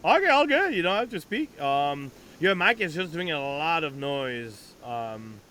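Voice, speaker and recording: A man's voice: fairly high pitch, a little slow, sharp tone, slight background noise. A man hosting a live demo review stream, giving casual feedback in a loose, rambling way full of fillers and easy swearing. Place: home studio on a Discord call.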